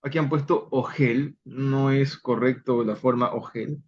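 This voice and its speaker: Male Bible teacher on a video call, slow and methodical, explains Hebrew terms, muffled lo-fi audio. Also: medium pitch, fairly even intonation. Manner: slow, deliberate, spells out Hebrew words. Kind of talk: online Bible study lesson.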